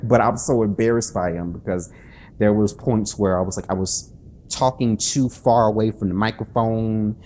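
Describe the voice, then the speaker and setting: This author and channel host speaks to his viewers in a fairly low, slightly mellow voice over a faint hiss or hum. It's a casual late-night talk to camera; he's nervous and can't sleep, so he stumbles through restarts and fillers, self-conscious throughout.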